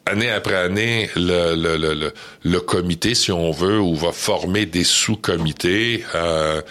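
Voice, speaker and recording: A man, a guest on a radio interview, speaking hesitantly with many pauses and restarts. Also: low-pitched, fairly bright tone. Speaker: charity event organizer guest.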